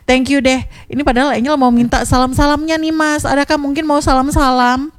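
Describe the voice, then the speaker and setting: A young adult woman hosting a radio interview in a studio, bubbly and encouraging with soft hums. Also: high-pitched, fairly even intonation, a little fast. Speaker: radio host.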